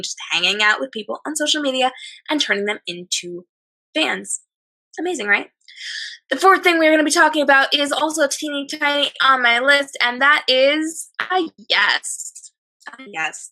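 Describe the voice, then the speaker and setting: Bright, high-voiced woman giving chatty advice. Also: rough recording. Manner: emphatic, repeats phrases in lists. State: slightly hoarse, losing her voice. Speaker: host of an advice show for authors. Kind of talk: chatty advice monologue to viewers.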